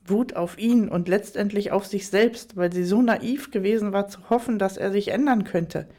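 A woman narrating an audiobook story in an even, measured way. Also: mid-range voice.

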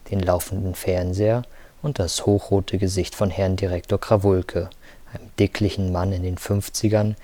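A man reading a novel aloud as narrator, in a steady, measured storytelling manner on a close mic. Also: low voice, no room sound. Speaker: audiobook narrator. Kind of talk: scripted narration.

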